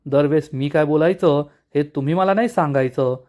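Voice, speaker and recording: A man's voice: on the high side, a little fast, dark tone, lightly acted. A man reading the lines of a domineering mother-in-law who snaps and blames others. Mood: sharp. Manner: harsh, snapping. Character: sharp-tongued domineering middle-aged mother-in-law.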